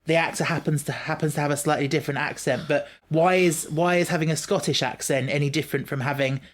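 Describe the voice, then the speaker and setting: A man co-hosting a casual podcast, explaining his views in a measured way with plenty of fillers. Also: on the high side, steady tone. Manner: measured, reasons things out with fillers. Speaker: podcast co-host. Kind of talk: casual chat.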